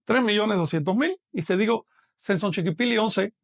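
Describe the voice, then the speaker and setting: A man's voice: high voice, moderate pace, gravelly. A man teaching a math class online, explaining patiently and quizzing a student as he goes.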